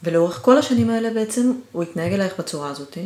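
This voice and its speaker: A woman's voice: mid-range voice, animated, darkish tone. A woman interviewer asking empathetic questions and paraphrasing her guest. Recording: roomy echo.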